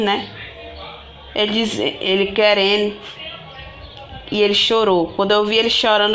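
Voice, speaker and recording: A woman's voice: mid-range voice, fairly bright tone. A woman telling her own story to viewers in a rambling, repetitive way, often restarting and speaking to them directly. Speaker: vlogger. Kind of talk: casual personal storytelling to viewers.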